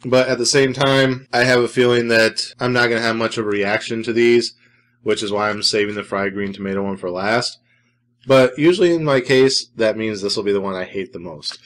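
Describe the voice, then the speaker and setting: A man's voice: lowish voice, brisk, a bit bright. A man hosting his own snack review vlog, talking casually with dry sarcasm and rambling asides. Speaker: food reviewer host.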